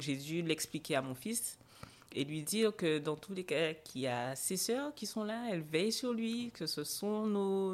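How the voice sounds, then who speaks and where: A young woman with a somewhat low voice speaks as a podcast guest about something she lived through. She hesitates often, restarting phrases and filling pauses. Her telling is emotional and candid. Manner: hesitant, frequent fillers and restarts; emotional recounting. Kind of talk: personal storytelling in a podcast interview.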